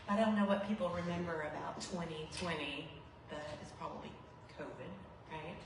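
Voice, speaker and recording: Low-voiced middle-aged woman, echoey hall. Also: steady tone, a little slow. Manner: casual, unplanned storytelling with fillers. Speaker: eulogy speaker. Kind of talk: unscripted memorial speech. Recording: echoey hall, mic far off, noticeable background noise.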